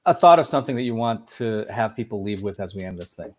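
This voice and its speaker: A man hosting a casual video-call discussion, talking haltingly with many uhs. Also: fairly low pitch, lively intonation, noisy background. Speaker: host.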